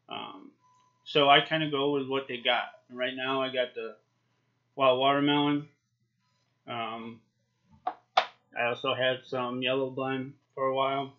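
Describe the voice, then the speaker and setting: A man in his forties giving a casual, chatty review to camera, talking with a lip full of dip. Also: medium pitch. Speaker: YouTube product reviewer. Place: small home office, indoors. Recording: dull, lo-fi webcam sound.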